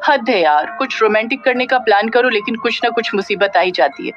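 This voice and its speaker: A woman's voice: on the high side, fairly quick, close to an everyday voice. A woman narrator voicing Dhruv, a playful young man who explains his plans in a teasing, easy way. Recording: dull lo-fi audio with faint music.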